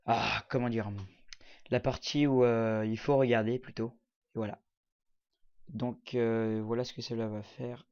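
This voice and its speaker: A man's voice: mid-range voice, level tone, a little slow, darkish tone, highs cut off. A man casually walking viewers through a video-editing program, talking while he clicks, with many hesitations and fillers. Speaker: tutorial presenter. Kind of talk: casual screen-recorded software tutorial.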